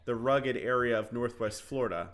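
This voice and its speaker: A man's voice: mid-range voice, moderate pace, fairly bright tone. A man acting as interviewer on a live report, speaking in a conversational style.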